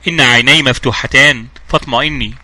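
A man reading the lines of a sardonic, suspicious male adventurer in a calm, mocking tone. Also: medium pitch, fast talker. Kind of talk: audiobook dialogue reading.

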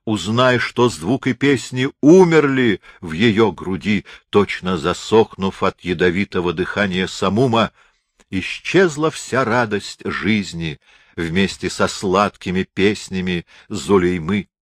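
A male narrator gives voice to a proud, defeated Moorish knight in an audiobook, declaiming loudly in a raised, defiant pitch. The reader's low voice shows through. The sound is dry and close. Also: lively intonation, slow, no echo, exaggerated voice. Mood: defiant bitter. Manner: declaiming loud and high, defiant. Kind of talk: audiobook character reading.

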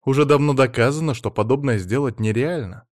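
A man's voice: mid-range voice, fairly quick, dry recording, clean studio sound, pitched above the performer's own voice, close to an everyday voice. A man voicing a shrewd, practical middle-aged mother in an audiobook, raising his voice to play her. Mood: surprised. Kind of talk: audiobook reading.

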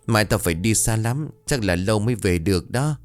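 A man voicing a quiet, sad ghostly boy. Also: on the low side, expressive, fairly quick, soft background music, natural voice. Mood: gentle. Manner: quiet, gentle.

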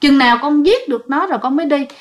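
A woman's voice: high-pitched, normal speed, natural voice. A woman voicing the tearful, bitter ghost of a young man, told in a spoken ghost story. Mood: vengeful.

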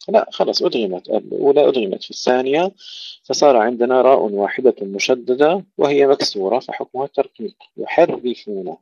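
Man, tajweed teacher, slow drawn-out recitation, mellow voice, dry lo-fi recording. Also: mid-range voice, dry recording. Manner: slow drawn-out recitation of verses between quick explanations. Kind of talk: tajweed lesson with recited examples.

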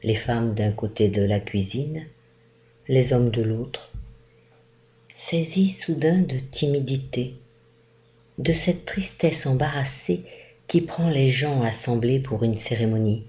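Woman reading an old short story, really slow and measured, bit muffled recording. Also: rumbling low, dark tone. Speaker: reader. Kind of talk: literary audiobook narration.

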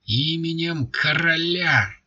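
A man voicing a gruff, moustached city guard officer who barks orders and threats. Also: a little high, slow pace, pushed and bright, no echo, muffled recording, voice pushed up, exaggerated voice. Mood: barking orders. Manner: gruff, barking commands.

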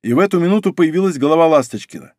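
Male narrator for a thriller audiobook, slightly high voice, steady delivery. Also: rapid-fire, no echo, studio quality.

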